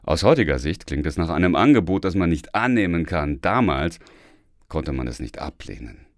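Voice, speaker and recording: A man reading a first-person memoir as an audiobook, telling it in a lively storytelling manner. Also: low voice, moderate pace, no room sound, studio quality. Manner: lively, storytelling with acted dialogue. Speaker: audiobook reader.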